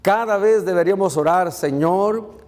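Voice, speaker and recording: A man with a fairly high voice preaches a sermon, his words ringing through a church hall with a long reverb. He asks the congregation question after question and calls out to them. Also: lively intonation, measured pace, darkish tone. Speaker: pastor.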